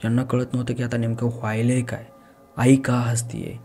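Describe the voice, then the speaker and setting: Male horror storyteller, chatty, addresses the listener, warm dark tone, soft music in the background. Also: mid-range voice, completely flat delivery, moderate pace. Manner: conversational, addresses the listener directly.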